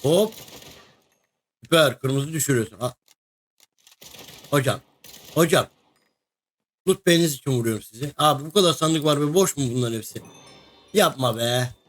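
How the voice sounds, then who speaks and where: A young man narrates his gameplay in a loose, chatty way. He is excitable and keeps calling out to the creatures he fights and to his co-player, in a mid-range voice. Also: mid-range voice, normal speed, pauses often. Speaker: gaming video host. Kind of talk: casual let's-play commentary.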